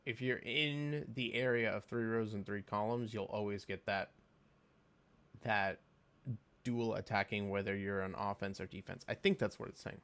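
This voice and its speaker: A man giving casual reaction commentary on a game, reading skill text aloud and thinking out loud with fillers. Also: fairly low pitch, fairly even intonation, normal speed. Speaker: game video creator.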